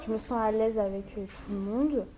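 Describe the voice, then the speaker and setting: A young woman answering interview questions calmly, listing her thoughts with a few fillers. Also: a little high, brisk, crowd noise. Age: young adult. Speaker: art prep student.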